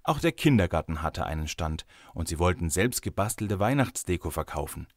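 A man reading a story aloud in a lively, expressive storytelling manner. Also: sits low, brisk, no echo, studio quality. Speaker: narrator.

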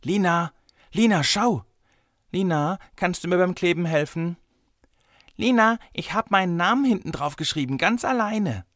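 A man's voice: high voice, expressive, normal speed, a bit bright, no room sound, studio quality, voice pushed up. A man voicing a small kindergarten child calling eagerly for attention.

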